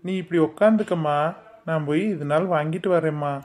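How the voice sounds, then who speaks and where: Woman doing a soft-spoken young husband, lowish mellow voice, madurai accent. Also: fairly quick, lightly acted. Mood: soothing. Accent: Madurai Tamil. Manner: soothing, pleading. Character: young husband, mild and dutiful son. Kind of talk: cartoon voice acting.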